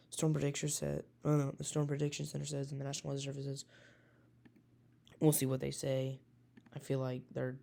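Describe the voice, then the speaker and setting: A raspy-voiced man who loves weather chats through a forecast, hesitating a lot and correcting himself as he goes. His voice sits in the mid-range and has a warm tone.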